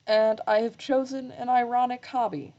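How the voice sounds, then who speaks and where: A woman streaming live while she sews, chatting casually in a rambling, self-deprecating way, with slight vocal fry when she talks low. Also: steady tone, normal speed, warm tone, muffled recording. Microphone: desk microphone.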